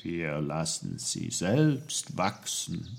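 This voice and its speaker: A man voicing old, wise talking trees that speak slowly and calmly. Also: low-pitched, creaky, slight background noise, pitched below the performer's own voice, exaggerated voice. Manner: slow, calm, murmuring.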